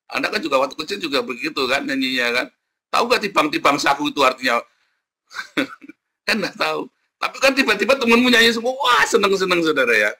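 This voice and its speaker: A man preaching a lively, animated sermon as pastor, addressing the congregation often and breaking into playful sound effects. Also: fairly high pitch, fast. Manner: addresses the audience as "saudara" constantly.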